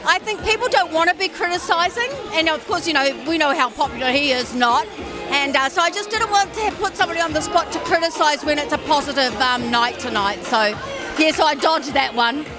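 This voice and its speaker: A New Zealand woman with a high voice gives a casual on-the-spot interview. She is a pageant judge, recorded with clear music and a crowd behind her. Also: brisk. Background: loud music and crowd.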